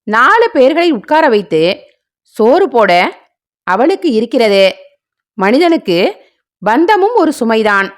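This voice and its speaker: A man's voice: extremely high pitch, sing-song, slow pace, long pauses, full character voice. A woman voicing a stern, domineering older man, a father-in-law, who speaks curtly and commandingly.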